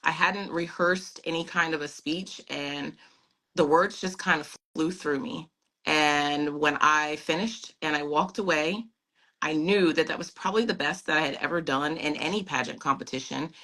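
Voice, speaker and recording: A woman's voice: low voice, normal speed, pushed and bright, rough recording. A woman guest on a video call, telling her story in an earnest, emphatic and reflective way. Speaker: pageant titleholder guest. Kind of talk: storytelling in an interview.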